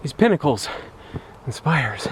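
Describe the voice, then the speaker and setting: A man's voice: mid-range voice, very animated, a little slow, background noise. Breathless man hiking uphill outdoors. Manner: panting and out of breath while climbing. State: out of breath, sweating. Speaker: vlogger. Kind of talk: hiking vlog narration. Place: outdoors on a hillside trail.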